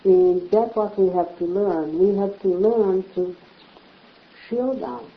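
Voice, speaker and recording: A woman's voice: medium pitch, slow. A woman talks over a casual chat in an echoey room. She explains earnestly and circles back with repeated phrases. The sound is dull and lo-fi. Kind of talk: casual conversation.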